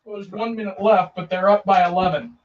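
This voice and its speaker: A man's voice: high voice, little pitch movement, a little fast, narrow, tinny audio. A man, the host's husband, casually calling out football score updates from off to the side of the stream. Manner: following a football game, offering updates.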